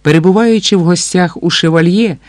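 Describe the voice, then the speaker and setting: A man narrates an audiobook in a calm, steady reading voice. The voice is slightly high for a man. It is recorded close and dry, with no room echo. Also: fairly quick. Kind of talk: scripted narration.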